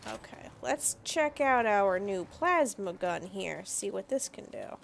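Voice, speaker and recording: Woman streaming a game, dry jokey asides, slow talker, kinda gravelly. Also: mid-range voice, expressive, a little hiss or hum. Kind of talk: casual gameplay commentary.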